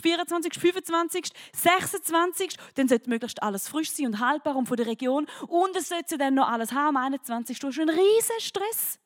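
A woman with a Swiss German accent delivers a sermon in a bright, high voice. She tells the story vividly and keeps turning to her listeners as if chatting with them. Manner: lively storytelling, speaks directly to listeners. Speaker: preacher. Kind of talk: sermon to a young audience.

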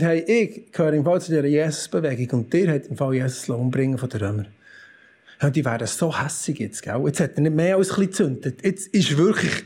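A man preaching a sermon as pastor with a Swiss German accent, telling the story in a lively, animated way with sudden loud outbursts. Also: sits high, husky.

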